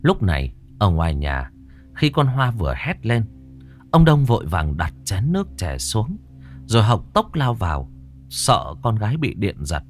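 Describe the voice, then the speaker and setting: A man narrating a ghost story in a lively, dramatic way. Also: on the low side, unhurried, faint music behind.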